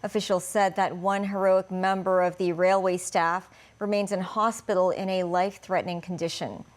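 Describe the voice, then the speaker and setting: A female news anchor reading the news in a formal, even way. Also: fairly low pitch.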